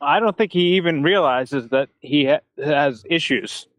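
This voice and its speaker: A man on a call with the host, answering in short, quick remarks. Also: fairly high pitch, a bit bright, dry recording.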